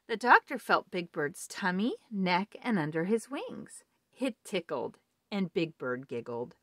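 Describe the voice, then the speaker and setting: Expressive woman reading a children's book. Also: fairly low pitch, measured pace, dry recording, clean studio sound. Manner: warm, expressive storytelling. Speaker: storybook reader. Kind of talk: children's read-aloud.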